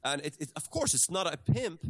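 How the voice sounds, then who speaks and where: A man's voice: fairly high pitch, big pitch swings, a little fast, fairly bright tone. A man from the Middle East, a guest commentator explaining things in conversation, hesitant and full of fillers and restarts.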